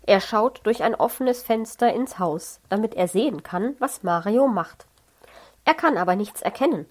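A woman narrating a children's audiobook in a calm, measured reading voice. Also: medium pitch. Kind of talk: scripted children's story narration.

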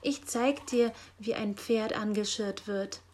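A woman voicing a lively, caring female helper in an emphatic, high-pitched manner in a storybook reading. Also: takes it slowly. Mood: resigned.

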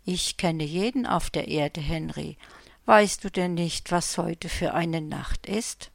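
A woman voicing a soft-spoken heavenly Christ Child. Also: lowish voice, slow, vocal fry, dry recording. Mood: gentle. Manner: soft, half-whispered. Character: the Christ Child, gentle glowing heavenly being.

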